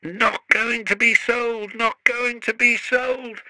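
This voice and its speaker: Man putting on a high, eager little engine. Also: lively intonation, slow, sharp tone, dry recording, exaggerated voice, low-quality recording. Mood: excited. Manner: high, breathless and emotional. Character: eager excitable small male steam engine.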